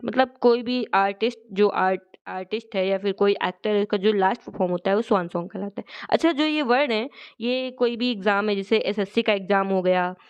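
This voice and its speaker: A woman explaining English words in a lesson, speaking Hindi as her first language and reading out English definitions slowly and deliberately. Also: on the high side, smooth. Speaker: vocabulary teacher.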